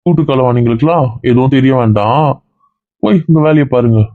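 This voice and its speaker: A man's voice: medium pitch, brisk, no echo. A man playing a doting father who laments over his daughter in a family skit. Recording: tinny phone-like dry sound.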